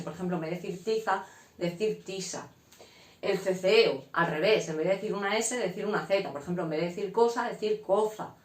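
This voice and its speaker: A woman, giving a casual classroom lesson to students. Her voice sits at a middle pitch, and she keeps stopping to check that they follow with quick questions. The sound bounces around an echoey room. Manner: frequent "¿vale?" check-ins, explanatory. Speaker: teacher.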